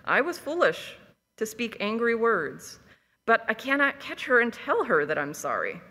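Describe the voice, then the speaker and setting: A woman voicing the husband in a spoken legend, in her own soft tone with light reverb. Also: a little high, very animated, moderate pace, full character voice. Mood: sorry. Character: remorseful husband from long ago. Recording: long hall reverb.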